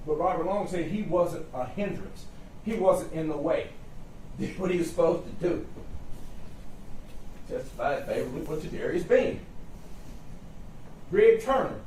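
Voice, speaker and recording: A man with a high-set voice argues as a defense attorney in a roomy, reverberant courtroom, picked up from a distance. He is impassioned and folksy, hammering short phrases and repeating them for emphasis as he appeals to the jury. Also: animated, unhurried, long pauses, darkish tone. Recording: roomy echo, distant mic, faint noise.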